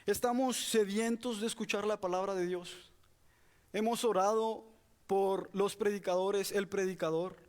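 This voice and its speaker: A man preaching an expository sermon, earnest and direct, often calling his listeners "brother". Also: extremely high pitch. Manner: earnest, addresses listeners as "hermano".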